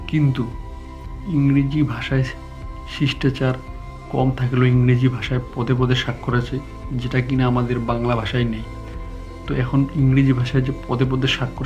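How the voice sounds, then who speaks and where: A man teaching spoken English, speaking slowly and deliberately, often checking that listeners follow, unscripted and sometimes stumbling, with a Bengali accent. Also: medium pitch. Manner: slow, deliberate explaining with frequent checks. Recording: slightly dull sound, faint background music.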